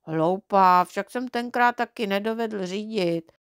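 A woman voicing a boastful, careless little boy mite from a storybook, raising her voice into a cocky, excitable tone. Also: mid-range voice, clean tone, no room sound, clean studio sound, close to an everyday voice. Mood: excited.

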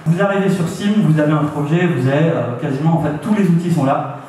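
The speaker, a young man at a meetup, talks quickly in a warm, fairly high voice into a handheld microphone. Hesitant, he leans on fillers and keeps restarting, and the distant recording from the echoey audience-filled meeting room carries a bit of hiss or hum.

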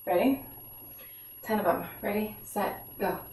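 A woman's voice: medium pitch, a little slow. A middle-aged woman coaching like an aerobics instructor, counting out exercises and giving encouragement while working out herself. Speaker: fitness instructor leading a home workout. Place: small home workout room, indoors. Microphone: camera several feet away. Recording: roomy echo, distant mic, background noise.

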